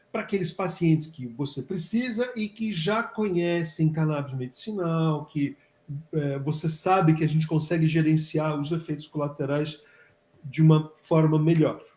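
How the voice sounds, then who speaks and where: Brazilian male physician, somewhat high voice, roomy echo on the call. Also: darkish tone. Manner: chatty, many fillers and restarts. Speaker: physician and study coordinator. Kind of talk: casual live webinar talk. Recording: echoey room.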